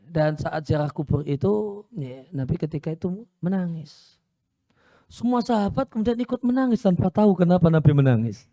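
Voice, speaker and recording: A man's voice: fairly high pitch, mellow, dry recording, clean studio sound. A male Islamic preacher, telling stories and repeating phrases for emphasis in a sermon lecture. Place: Islamic boarding school.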